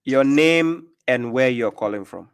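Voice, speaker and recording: A man's voice: medium pitch, animated, measured pace, clear, resonant tone. A man hosting a live call-in religious debate stream, pressing the caller with repeated questions and cutting in often. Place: Europe.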